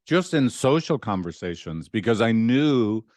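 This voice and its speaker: A middle-aged man speaks with a Dublin accent in a fairly low voice. He is an interview guest telling personal stories in a loose, rambling way, on a close, dry recording. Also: sing-song, a little slow, a little mellow, dry recording. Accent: Dublin Irish. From Dublin, Ireland. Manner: rambling, conversational, often asks "right?". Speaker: podcast guest, relationship therapist. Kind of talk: casual interview, personal storytelling.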